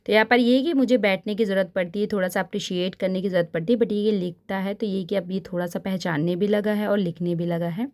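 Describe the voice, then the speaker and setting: A woman in her thirties narrates her home routine in a relaxed vlog voice-over. She sounds chatty and advisory, steps through each chore and stops to offer homely tips at a medium, natural pitch. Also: fast talker, few pauses. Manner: chatty and advisory, often turning to tips for the viewer. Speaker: home vlogger.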